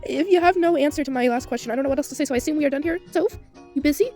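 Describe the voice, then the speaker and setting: A woman reading out both sides of a chat log in a flat, even way. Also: high voice, rapid-fire, faint music behind.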